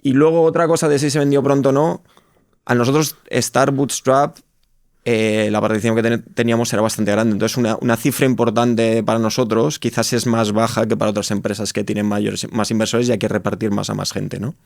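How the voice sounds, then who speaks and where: As an interview guest, a startup co-founder from Madrid, Spain, speaks with a Spain Spanish accent in a gravelly, slightly mellow, medium-pitched voice that varies little and runs a bit fast. He reflects conversationally on his own story, often rephrasing, and the studio sound is clean with no room sound.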